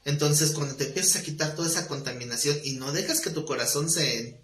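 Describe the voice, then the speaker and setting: A man's voice: a little high, fairly quick, a bit bright, echoey room. A man teaching a Bible study class in a conversational way, telling stories with acted dialogue and asking the class questions.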